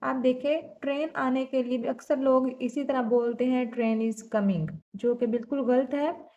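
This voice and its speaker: A woman teaching a language lesson, explaining sentences and reading example phrases slowly and deliberately. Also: high voice, steady tone, warm tone, muffled recording. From South Asia. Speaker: English teacher.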